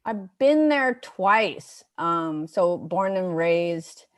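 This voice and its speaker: A woman's voice: on the low side, lively intonation, extremely slow. A middle-aged woman from the United States, chatting casually as a guest on a comedy show, rambling with fillers and restarts. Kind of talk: casual chat.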